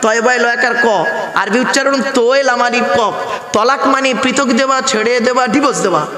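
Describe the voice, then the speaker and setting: A man's voice: very high voice, brisk. A man preaching a waz sermon to a gathering, often asking the crowd questions. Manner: call-and-response, rhetorical questions. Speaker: Islamic preacher. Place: outdoor sermon pandal over loudspeakers. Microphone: handheld PA microphone. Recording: echoey hall, long reverb.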